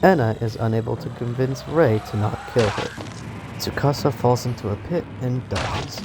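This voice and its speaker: A man's voice: medium pitch, moderate pace, noisy background. A man giving a hammy, theatrical dramatic reading as narrator of survival-game events. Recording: music under the voice. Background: background music.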